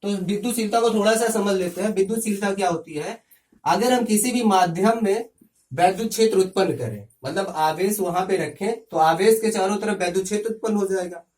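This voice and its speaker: A man teaching a physics lesson step by step, often pausing to check in with his students. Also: high-pitched, darkish tone, distant mic. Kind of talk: classroom lecture.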